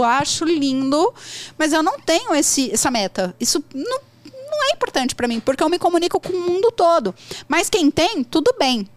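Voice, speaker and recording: Woman, Brazilian accent, high-pitched, emphatic repetitions, casual advice, dry close recording. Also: dry recording. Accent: Brazilian Portuguese. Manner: animated storytelling with emphatic repetitions.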